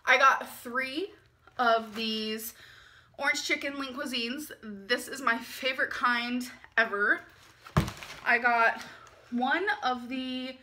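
A woman's voice: a little high, sharp tone, slight background noise. Chatty, giggly young woman in her kitchen. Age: 20s. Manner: chatty, giggly, talks while unpacking items. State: tired, late at night. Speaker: vlogger. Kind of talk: casual grocery haul vlog. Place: home kitchen, indoors.

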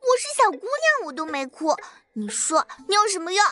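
A woman's voice: high voice, sing-song, a little fast, pushed and bright, no echo, faint music behind, full character voice. A woman voicing a bossy, fierce little girl who scolds indignantly in an audio drama. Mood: scolding.

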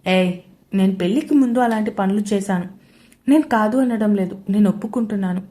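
A woman voicing an arrogant, teasing young husband in a loud, taunting way. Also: medium pitch, fairly quick, close to an everyday voice. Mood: firm. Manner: louder, taunting delivery.

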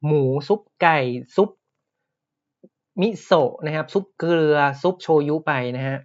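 Man teaching a language slowly. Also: on the high side, darkish tone, clear, resonant tone, highs cut off. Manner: explains patiently, repeats words slowly. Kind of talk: podcast language lesson.

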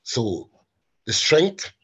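A man's voice: extremely slow, a bit bright, rough recording. A man speaking as a caregiver, giving a heartfelt personal testimony in a webinar, his voice breaking with tears as he recalls dialogue. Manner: heartfelt, acts out quoted dialogue. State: tearful, voice breaking. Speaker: caregiver sharing his story.

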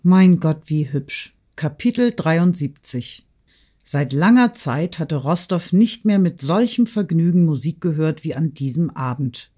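Brief: male narrator, measured classic-novel audiobook reading. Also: a little high. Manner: measured, even literary reading. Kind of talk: scripted narration.

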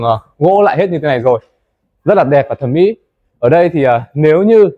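A young man presenting a tour of a café building site, talking quickly and chattily to viewers, recorded on a lapel mic inside a large wooden building. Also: a little high, no room sound, lo-fi sound. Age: young adult. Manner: fast, chatty, addresses viewers as "mọi người". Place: indoors in a large wooden café under construction.

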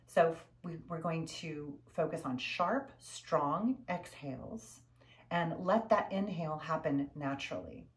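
Low-pitched older woman, slow and measured. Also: expressive. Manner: measured, instructional, short phrases with pauses. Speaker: yoga breathing instructor. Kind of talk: guided breathing lesson. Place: furnished living room, indoors.

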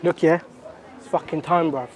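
A London man in his twenties, a prank vlogger, banters brashly in roadman slang with a casual vlog feel inside a big clothing store and shopping centre. His voice is a little high with fairly even intonation and a moderate pace, and a faint crowd murmurs behind him.

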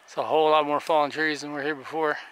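Guy talking to his action cam out in the woods, kinda bright sharp voice, faint outdoor hiss behind. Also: a little high, fast, rough recording. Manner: relaxed, thinking aloud, many fillers. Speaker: outdoor vlogger. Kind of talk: casual narration while hiking. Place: outdoors in a forest and inside a tarp shelter.

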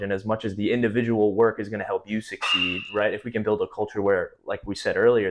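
Young male podcast host, lowish voice, thoughtful long-winded questions, small studio. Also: slight background noise. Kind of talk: casual interview. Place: small indoor studio room.

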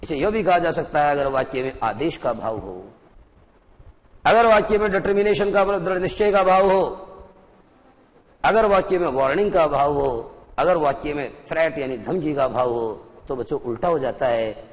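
Man teaching with echoing reverb. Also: on the high side. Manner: explains slowly and repeats words, mixing Hindi with English. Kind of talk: televised English lesson for school students.

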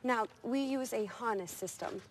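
Woman playing a prim, polite nanny with a high, bright voice; light background noise. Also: normal speed, natural voice. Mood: cheerful. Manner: polite, proper, giggly. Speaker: stage actress in character. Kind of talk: live TV interview in character.

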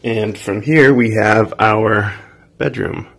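Fairly low-pitched with vocal fry and a slow pace, an American man in his 20s casually vlogs a tour of empty apartment rooms. He talks informally into a handheld phone held at arm's length.

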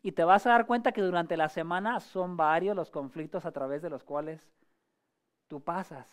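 A male pastor giving a sermon in a conversational way, asking the congregation rhetorical questions and often pausing or restarting his phrases. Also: fairly high pitch, smooth. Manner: frequent hesitations and restarts.

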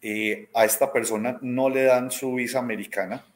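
With medium pitch, fairly even intonation, and a moderate pace, a Colombian man from Medellín in his thirties recounts stories casually during an interview. He's a robotics teacher on a video call from a small indoor room at home, acting out quoted dialogue and often finishing with "¿cierto?".

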